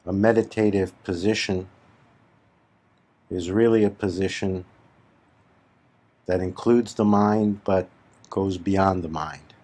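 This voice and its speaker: A deep-voiced spiritual teacher leads a slow guided meditation, speaking very slowly and deliberately in short phrases separated by long pauses. His intonation stays fairly even and his tone is darkish.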